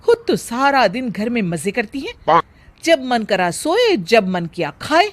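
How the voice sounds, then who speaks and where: A woman plays a young working mother and daughter-in-law from a domestic story. Her voice sits high, and she speaks with emphatic, expressive exasperation, like someone overworked and put upon. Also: a little slow, very noisy. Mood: exasperated, complaining.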